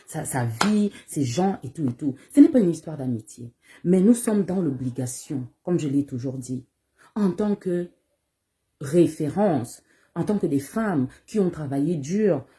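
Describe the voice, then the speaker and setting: A woman's voice: lowish voice, warm tone. A woman singer with a Cameroonian French accent, speaking to her audience in an emphatic, repetitive way, asking herself rhetorical questions. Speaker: bikutsi singer. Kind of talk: casual direct-to-audience address.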